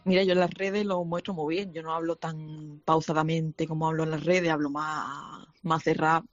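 A woman with an Andalusian accent, a Spanish teacher, explaining calmly in a radio panel talk. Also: deep voice, moderate pace, no echo, highs cut off.

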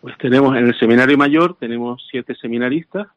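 A man, a seminary rector, answering an interview haltingly with many restarts. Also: mid-range voice, no room sound, highs cut off. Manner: halting, full of restarts and fillers.

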